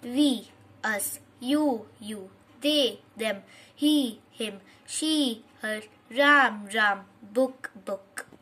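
A woman teaches a grammar lesson at a very unhurried pace. She reads her points aloud hesitantly, stopping to restart words. Her voice is fairly high and has a husky edge. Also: bright, forceful tone. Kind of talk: slow explanatory grammar lesson.

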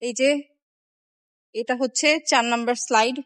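A young woman films a travel vlog on a phone held at arm's length inside an indoor glass skywalk with moving walkways. Her voice is a little high with little pitch movement, and she talks at a normal speed. She's chatty and wry, poking fun at herself for being lazy.

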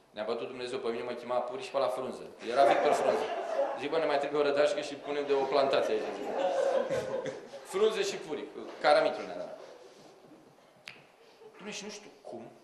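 A man's voice: medium pitch, noisy background. A man telling comic stories to a live audience, acting out the people in them and talking to the crowd. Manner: animated, acts out quoted voices, addresses the audience directly. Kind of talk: live comic storytelling monologue. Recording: roomy hall, audience audible.

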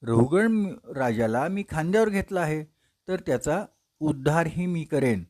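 A man's voice: on the high side, lively intonation, a little mellow. A man voicing a serene wise sage. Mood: reflective. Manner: serene, measured, instructive. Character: calm, wise ascetic man answering a king.

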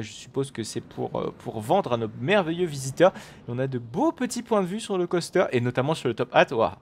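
A man giving live commentary on a game, excitable and rambling, with frequent swearing and exclamations. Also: mid-range voice. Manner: rambling with many fillers and restarts. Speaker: gaming video host.

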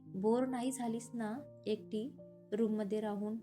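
A woman's voice: a little high, steady tone, unhurried, warm tone, soft background music, close to an everyday voice. A woman voicing a playful, emotional young wife in a read-aloud story. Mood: practical. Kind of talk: storybook reading.

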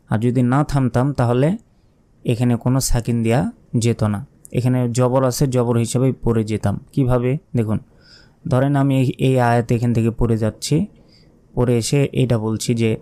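Soft-voiced male Quran teacher. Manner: explains slowly, then chants verses drawn out and higher. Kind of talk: tajweed lesson with chanted recitation.

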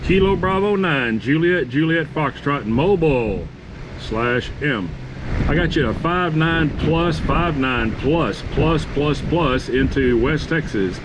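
A man's voice: on the high side, takes it slowly. A courteous man working as an amateur radio operator, calling and repeating phonetic call signs outdoors. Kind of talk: radio contest-style calling, phonetic spelling. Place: outdoors at a campsite table. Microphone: camera on the table beside the radio. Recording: clear steady outdoor background noise.

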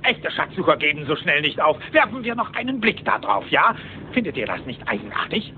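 An actor playing a stubborn, boastful old rich uncle duck in a cartoon, blustering, on a tinny cassette recording. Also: male voice, a little high, big pitch swings, brisk, sharp tone, a little hiss or hum, exaggerated voice. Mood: confident. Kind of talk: cartoon voice acting.

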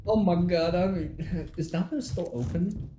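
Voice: mid-range voice, a little slow. A young adult streamer chatting casually, telling a story and acting out the people in it. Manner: animated, acts out quoted people mid-story. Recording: echoey room with faint noise.

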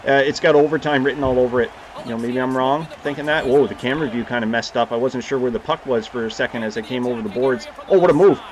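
A young man hosting a gaming channel, giving live commentary on a hockey video game and reacting loudly to each play. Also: medium pitch, fast talker, few pauses, slight background noise. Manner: excitable, reacts loudly to plays.

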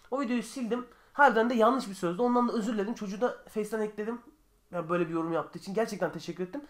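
A young man answering viewer questions in a casual vlog from his bedroom, chatty and joking, sometimes getting heated. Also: high voice. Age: young adult. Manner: chatty, joking, quick shifts between calm and heated.

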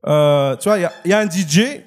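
A man's voice: sits high, fast. A man bantering casually on a comedy stage, evasive and laughing, with many fillers. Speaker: stand-up comedian.

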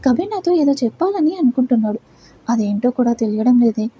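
A woman voicing a gentle, shy young wife who speaks softly and soothingly. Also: a little high, animated, fairly quick, lo-fi sound, slight background noise, close to an everyday voice. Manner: soft, soothing.

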